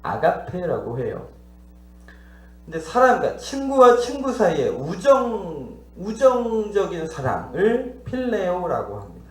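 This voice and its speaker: A man's voice: sits high, wildly swooping pitch, a little slow, echoey room. A male pastor delivering a teaching sermon. He puts questions to the congregation and acts out the dialogue he describes. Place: church sanctuary.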